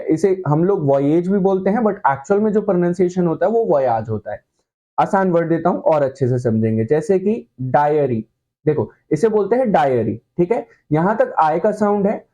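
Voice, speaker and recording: A man's voice: high-pitched, warm tone, dull audio. A man teaching an online shorthand lesson, explaining with playful comparisons and checking in with the class again and again.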